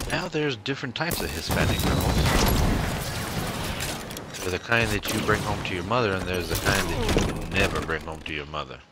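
A man's voice: sits low, animated, normal speed, very noisy. A man joking around wryly in casual chat while gaming with friends. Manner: wry, joking. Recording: loud game gunfire behind.

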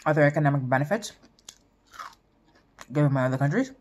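A woman's voice: low-pitched, animated, brisk, a little mellow. A woman vlogger chatting casually to viewers while eating, humming between bites. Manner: chats between bites with eating sounds and hums. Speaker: mukbang vlogger.

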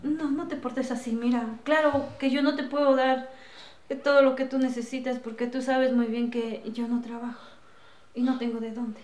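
A woman's voice: high voice, level tone, normal speed, darkish tone, roomy sound, close to an everyday voice. A woman playing a snobbish, domineering middle-aged mother-in-law in an amateur drama skit, scolding and bossy. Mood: pleading.

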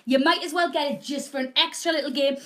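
A woman's voice: high voice, fairly even intonation, quick pace, bright, forceful tone. A middle-aged woman with a Northern English accent and a cold, hosting live home shopping in rambling, jokey, chatty patter. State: snotty with a cold, coughing. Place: small indoor room. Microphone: camera mic at a short distance, no proper mic.

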